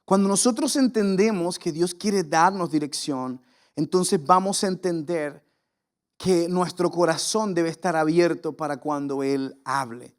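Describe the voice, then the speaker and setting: A man's voice: a little high, measured pace. A Venezuelan man in his forties, a pastor preaching an impassioned sermon and having the congregation repeat lines after him. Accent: Venezuelan Spanish.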